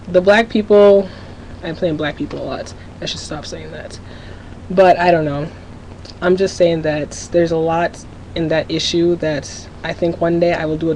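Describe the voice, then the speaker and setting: This teenage girl from Minnesota, USA, has a lowish, slightly mellow voice and rambles candidly to her webcam at home in a confessional vlog, often restarting her sentences. The low-quality audio has a little hiss or hum.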